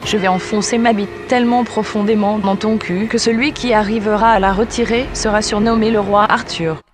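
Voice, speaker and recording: A man's voice: high voice, fairly even intonation, normal speed, voice pushed up, lightly acted. A man voicing a crude, taunting male commenter with a laughing delivery.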